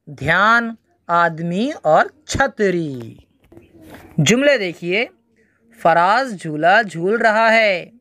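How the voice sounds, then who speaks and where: A woman teacher with an Indian Urdu accent, reading words and short sentences aloud slowly and deliberately to children. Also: mid-range voice, fairly bright tone, no room sound, studio quality. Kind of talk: slow read-aloud lesson for children.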